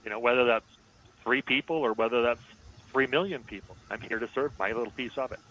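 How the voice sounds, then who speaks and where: A man's voice: mid-range voice, brisk, fairly bright tone, slight background noise, rough recording. A man, a coach co-hosting a podcast in casual chat, speaking emphatically and with confidence.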